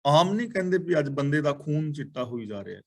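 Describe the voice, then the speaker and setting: A man teaching a class on Sikh scripture. He reads each verse slowly and then explains it in earnest, repeating its key words. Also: on the high side, expressive.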